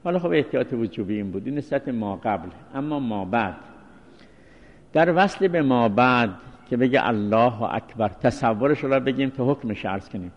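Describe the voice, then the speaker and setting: A man giving a seminary lecture on Islamic law, explaining in measured, short phrases with pauses. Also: mid-range voice, expressive. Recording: dull lo-fi recording with long reverb.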